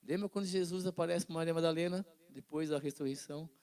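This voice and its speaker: A middle-aged Brazilian man teaching an informal Bible class with a fairly high voice. He retells the stories in a lively way and slips into the voices of the people in them. He often turns to his listeners for a quick nod of agreement. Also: smooth. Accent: Brazilian Portuguese. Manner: animated storytelling, acts out quoted voices, asks listeners "né?".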